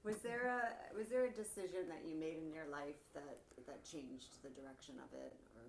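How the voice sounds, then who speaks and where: A woman with a notably low voice, asking questions informally. She phrases them tentatively, in halting pieces. The recording is roomy and echoey, with faint noise behind her. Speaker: interviewer. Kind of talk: casual interview questions.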